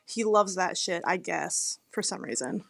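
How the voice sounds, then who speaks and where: A woman's voice: lowish voice, expressive, a little slow, creaky, fairly bright tone. Woman, podcast co-host and cop; blunt, sarcastic, swears a lot. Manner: blunt, profane, teasing. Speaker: podcast co-host, police officer. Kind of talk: casual podcast chat.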